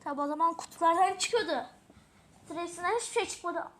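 A woman giving casual, excitable gameplay commentary, swearing often and talking to herself as she plays. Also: very high voice, a little fast, very noisy. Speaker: gamer playing a mobile game.

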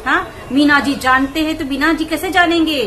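A woman vlogger giving mocking, scolding commentary on clips in rapid rants. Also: high voice, steady tone, fairly bright tone, a little hiss or hum, rough recording.

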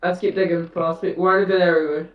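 A player on voice chat who talks loudly and eagerly and sounds like they are speaking through a tube. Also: medium pitch, little pitch movement, a little fast. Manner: loud, eager, calls out to the others. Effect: sounds like talking through a tube. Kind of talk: excited gaming chat. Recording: echoey, distant, muffled voice chat.

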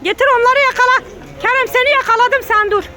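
Mom in her 30s telling off her kids, super high voice, fires off orders over and over. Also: pushed and bright, soft background music. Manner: scolding, repeating commands rapidly. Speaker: mother scolding her children. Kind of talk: family vlog, scolding kids on camera.

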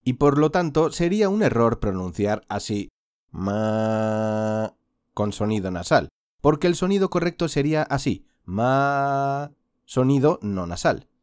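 Patient male teacher, lively pitch. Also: no echo, studio quality. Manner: patient, drawn-out demonstration of sounds. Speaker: Quran recitation teacher. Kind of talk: slow instructional lesson with repeat-after-me drills.

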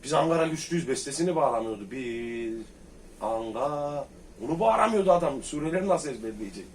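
A man with a slightly raised pitch spins rowdy school stories, laughing as he goes. He sounds a little distant from the microphone. A faint hum of background noise stays under everything. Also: expressive, brisk, a little mellow. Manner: boisterous storyteller, laughs often. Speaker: comedian recalling school days. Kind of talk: casual reminiscing chat.

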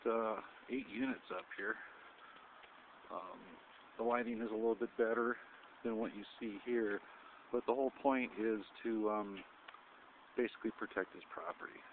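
A man's voice: mid-range voice, normal speed, vocal fry, long pauses. A man walking a rooftop at night, casually showing off security lights with lots of fillers and restarts. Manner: rambling, many fillers and restarts. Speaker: electrician demonstrating security lights. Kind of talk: casual walkthrough demo. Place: outdoors on a commercial rooftop at night. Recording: tinny lo-fi camera audio, noisy.

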